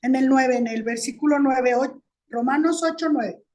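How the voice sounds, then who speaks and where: A woman co-hosting a marriage sermon, reading a Bible verse aloud and explaining it calmly. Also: sits high, moderate pace. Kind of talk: reading scripture and commenting.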